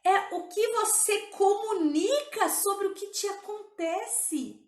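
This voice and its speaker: A woman's voice: very high-pitched, slow pace, roomy sound. A woman teaching in a live-streamed talk as a motivational coach, emphatic and often checking in with her listeners.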